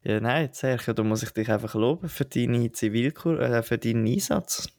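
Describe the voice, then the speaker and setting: Gravelly Swiss German man, teasing. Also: medium pitch, moderate pace, darkish tone. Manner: teasing, dry quips. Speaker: podcast co-host. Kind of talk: casual chat.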